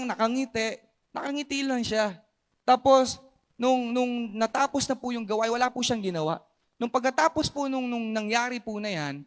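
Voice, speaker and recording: A high-pitched Filipino man preaches at a church service, his voice climbing and dropping as he drives his points home. He keeps checking in with the congregation and slips English phrases into his sermon. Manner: animated, mixes English phrases, asks the congregation "di ba?" and "Amen?". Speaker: pastor.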